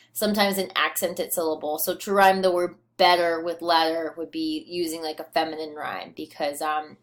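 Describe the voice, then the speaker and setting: A woman with a slightly low voice teaches a lesson on poetry. Her talk is loose and conversational, full of fillers and restarts, and she shifts into a rhythmic, emphatic reading when she recites verse. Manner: reads poem aloud with rhythmic emphasis. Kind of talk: recorded lecture on poetry.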